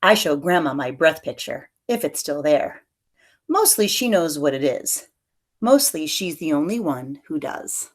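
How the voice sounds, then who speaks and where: A woman with a slightly low voice reads a picture book aloud in an animated way at a measured pace. Like a teacher with young pupils, she tells it expressively and lightly acts out the dialogue.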